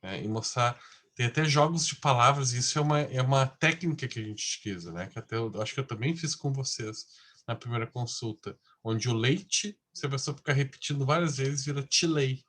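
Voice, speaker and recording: A man's voice: mid-range voice, brisk, a bit bright. A man giving a class lecture in a conversational way, often tagging his sentences with questions. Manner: conversational, frequent tag questions.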